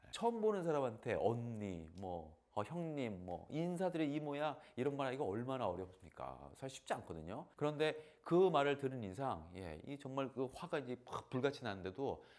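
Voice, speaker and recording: A man giving an animated storytelling lecture with dramatic pauses. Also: medium pitch. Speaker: speaker of a talk channel.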